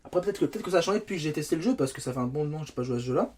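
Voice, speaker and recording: Playing games on a phone under review, a male tech reviewer keeps up casual commentary punctuated by jokes at his own expense. His pitch is fairly high, his delivery animated and rapid-fire. There's a faint hum of background noise.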